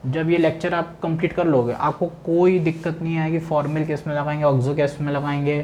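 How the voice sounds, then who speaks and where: A man's voice: on the high side, level tone, brisk, darkish tone, a little hiss or hum. A man teaching chemistry, lecturing a class and repeating key terms back as questions.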